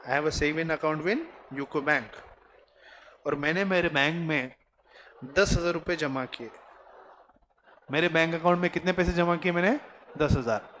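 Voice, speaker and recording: A man teaching a commerce class, questioning students and explaining slowly in a classroom. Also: a little high, a bit bright, slight background noise. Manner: mixes Hindi, Marathi and English, quizzes students; slow, deliberate explaining. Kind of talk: classroom lecture.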